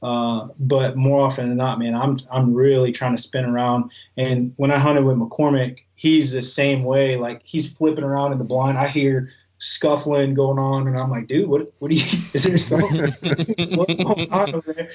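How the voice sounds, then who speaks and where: A man's voice: mid-range voice, a little mellow, highs cut off. A man talking casually as an interview guest, in a rambling, colloquial, conversational way. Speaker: guest, goose calling expert.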